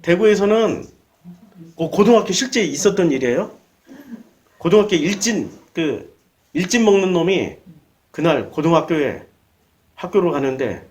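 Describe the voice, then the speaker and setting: Male pastor, high voice, lively talky sermon that keeps quizzing the pews. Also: moderate pace, pauses often. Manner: animated, conversational, quizzes the congregation. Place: church.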